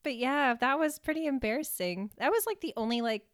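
A woman's voice: sits high, expressive, brisk, dry recording, studio quality. A young woman from Canada co-hosting a podcast, chatting casually with a laugh and plenty of "like". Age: young adult. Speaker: podcast co-host. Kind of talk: casual chat.

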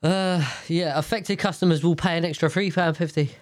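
A man's voice: on the high side, fairly even intonation, fast, no echo. A British man hosting a casual, rambling commentary on the news in a nasal voice, congested from a sinus infection, blunt and sweary. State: blocked nose from sinus infection. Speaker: host.

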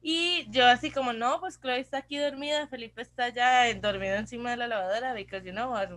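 A woman's voice: on the high side, a little fast, fairly bright tone. A young woman with a Costa Rican accent, co-hosting a podcast and telling stories in casual chat, dropping English phrases and slang. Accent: Costa Rican Spanish. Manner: chatty storyteller mixing in English phrases and slang. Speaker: podcast co-host.

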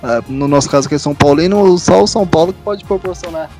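A man's voice: on the high side, quick pace, darkish tone, faint music behind. A Brazilian man in casual, conversational football chat as a show host.

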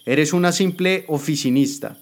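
A man's voice: on the high side, normal speed, pitched above the performer's own voice, natural voice. A man voicing a scornful, ruthless woman politician. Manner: taunting, contemptuous. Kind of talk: dramatic storytelling.

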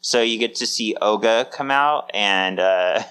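Brief: male podcast co-host, lowish voice, casual, easily amused. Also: a little slow, clear, resonant tone. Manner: laughs often, animated bursts of excitement. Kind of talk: casual chat.

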